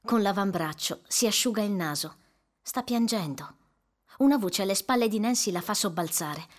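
A woman narrating a suspenseful audiobook in a measured, dramatic storytelling manner. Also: mid-range voice, lively intonation.

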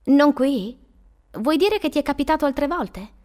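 A woman voicing a cheerful young woman who speaks in a brisk, reassuring way. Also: high-pitched, lively intonation, a little mellow, voice pushed up.

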